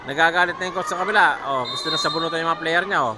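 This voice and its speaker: Excited high-voiced man commentating. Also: very fast. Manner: shouts and pitch jumps on each play, teasing asides about the coach. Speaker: amateur commentator filming a volleyball match. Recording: loud crowd and background noise.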